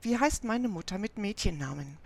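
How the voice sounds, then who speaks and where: A curious eight-year-old boy fires off eager, doubtful questions, voiced by a woman reading a story. A slightly gravelly edge sits under the voice. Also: mid-range voice, lively intonation, moderate pace, a little mellow.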